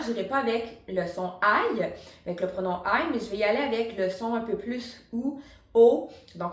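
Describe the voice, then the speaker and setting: A singing teacher's medium-pitched voice echoes reverberantly as she chats through an online singing lesson, explaining things with plenty of fillers along the way.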